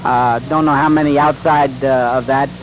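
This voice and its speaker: A man, an army officer, giving a halting, earnest account in an unscripted field interview. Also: mid-range voice, fairly even intonation. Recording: noisy, hissy 1960s field tape.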